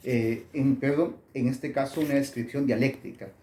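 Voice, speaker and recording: A man answers academic questions, pausing often and restarting his sentences. His voice is mellow and dark. It is recorded in an echoey room with faint ambient noise. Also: medium pitch, fairly even intonation. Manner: thoughtful, many fillers and restarts. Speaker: author being interviewed.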